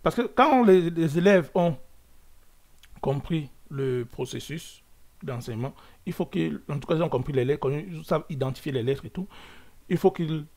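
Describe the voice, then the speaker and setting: A man hosting a coding lesson, talking slowly with many fillers and restarts, thinking aloud as he works. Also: a little high, expressive, a little mellow. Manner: thinks aloud while working. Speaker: coding tutorial host. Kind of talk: screen-recorded coding lesson.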